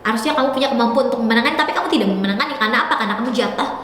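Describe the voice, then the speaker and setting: A woman teaching English grammar on a live stream. She talks fast, switches between Indonesian and English, and calls her viewers by pet names. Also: a little high, a bit bright, heavy reverb, long reverb tail. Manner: calls viewers "sayang" affectionately.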